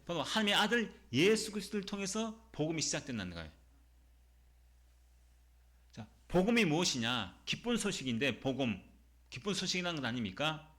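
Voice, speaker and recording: A male pastor preaching a Sunday sermon, emphatic, posing rhetorical questions and reading scripture slowly. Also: fairly high pitch, very animated, a bit bright. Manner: reads scripture slowly and deliberately.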